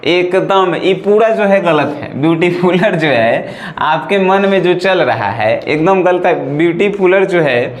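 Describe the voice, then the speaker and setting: A man's voice: high voice, measured pace, echoey room. A man with a Bhojpuri accent teaching English grammar, repeating points and checking that students follow. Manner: repetitive, checks in with "right or not?". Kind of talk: classroom-style lesson.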